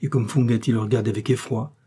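A man reading a novel aloud as an audiobook narrator, steady and measured. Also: medium pitch, breathy edge.

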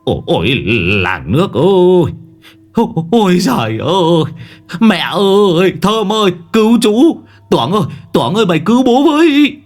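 A frantic old village man wails and pleads, his cries leaping to shrill heights, as a male narrator puts him on. Over faint music, he swings between terror and angry scolding. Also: very animated, racing, few pauses, a little mellow. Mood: wailing panic. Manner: wailing, pleading, pitch leaping high.

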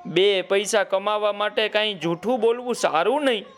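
Give me a sincere, innocent boy shopkeeper, voiced by a man for a kids' storybook, high and firm. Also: moderate pace, a bit bright, faint music behind. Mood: earnest. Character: honest young boy shopkeeper.

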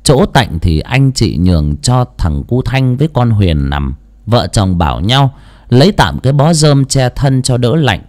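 A man narrating an audiobook story in an expressive storytelling manner. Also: mid-range voice, measured pace.

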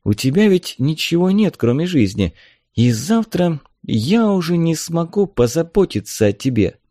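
A man's voice: fairly high pitch, sing-song, normal speed, warm tone, no echo, studio quality, pitched above the performer's own voice. A man voicing a gracious, composed noble woman in a storybook reading. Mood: gentle.

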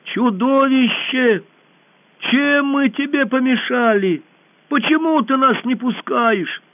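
A man voicing a brave, earnest young girl who calls out in a high, eager, insistent voice, heard over a narrow phone-like band. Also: lively intonation, normal speed, no echo.

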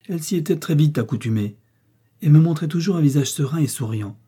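A man reading an audiobook, voicing a domineering, coldly ironic prince with a dark, husky voice. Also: a little high, expressive, brisk, voice pushed up. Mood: cold, commanding. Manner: commanding, cutting and sarcastic.

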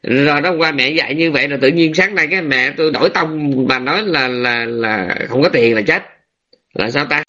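A man, a Buddhist monk giving a dharma talk with drawn-out phrases, many hesitant fillers and rhetorical questions to his listeners. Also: a little high, bright, forceful tone, lo-fi sound. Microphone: online room.

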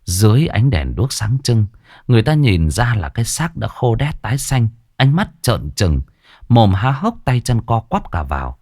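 A man's voice: medium pitch, very animated, moderate pace, a little mellow. A man narrating a horror story with dramatic expression.

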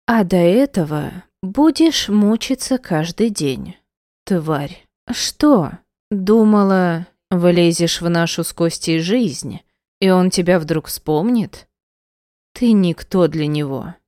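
An icy, unhinged jealous wife , voiced by a woman reading an audiobook spits her contempt in a cold, hissing tone. Her voice sits low and dark, recorded dry and close, with deliberate slow menace. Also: lively intonation, no echo.

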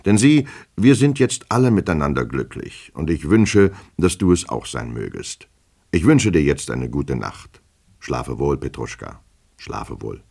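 A man's voice: rumbling low, very animated, a little slow, a little mellow, breathy edge, heavily acted. Man doing a fussy, fretful old-fashioned clerk. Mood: coaxing. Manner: mild, coaxing, then muttering to himself. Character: fretful, fussy middle-aged male clerk.

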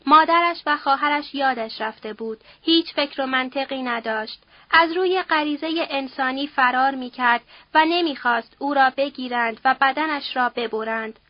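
Give me a woman with a high voice reading a novel aloud, with a dull, dry recording. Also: dry recording. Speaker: audiobook narrator.

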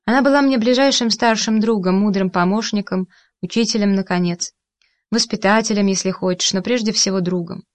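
A woman voicing a reserved, grieving man who speaks slowly and thoughtfully in an audiobook. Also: mid-range voice, dry recording, natural voice. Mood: somber. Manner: slow and thoughtful.

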